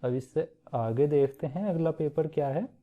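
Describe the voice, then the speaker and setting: A man teaching young children, explaining a poem slowly, reciting it in a sing-song way and often checking that they follow. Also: fairly high pitch. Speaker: primary school teacher. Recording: tinny phone-like audio.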